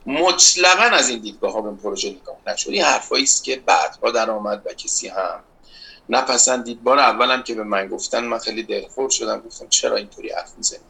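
A man's voice: mid-range voice, gravelly, pushed and bright, husky, poor audio. A middle-aged architect from Iran answering interview questions, emphatic and insistent as he dismisses rumors. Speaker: architect guest, competition organizer.

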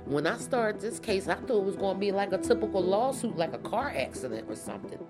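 A woman's voice: medium pitch, very animated, fast talker, music in the background. A woman from Philadelphia, a parent activist, speaking in an interview in an emphatic, spirited, conversational way.

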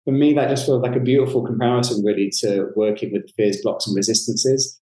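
Warm-voiced male psychologist in a roomy space. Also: medium pitch, flat delivery, a little fast. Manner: reflective, with frequent "you know" asides. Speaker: clinical psychologist. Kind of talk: conversational interview explanation. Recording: roomy echo.

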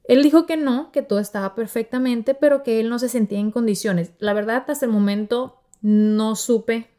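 A woman in her thirties hosting a podcast, telling a personal story in a casual, animated way and acting out the voices of the people she quotes. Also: a little high, moderate pace. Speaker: podcast host.

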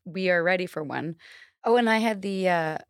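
A woman's voice: on the low side, normal speed, vocal fry, clear, resonant tone, dry recording, clean studio sound. A woman in her thirties co-hosting a podcast in casual chat, laughing often and digressing. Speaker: podcast co-host.

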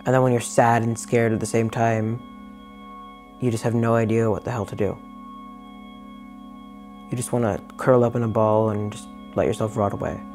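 Low, gravelly man speaking candidly. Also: little pitch movement, moderate pace, long pauses, darkish tone, faint music behind. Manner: reflective, frank, low-key. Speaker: interviewee. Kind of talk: candid personal testimony.

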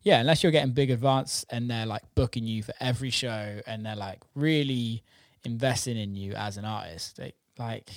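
A man chats casually at a moderate pace in a mid-range voice, the recording very dry with no room sound. Informal and rambling, he swears occasionally while discussing the music scene as a podcast host and music producer who runs a record label.

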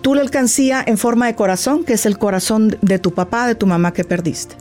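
With soft background music playing, a middle-aged grief therapist explains patiently in an interview, her voice a little high and brisk. She's warm and didactic, staging little dialogues with a child as she goes.

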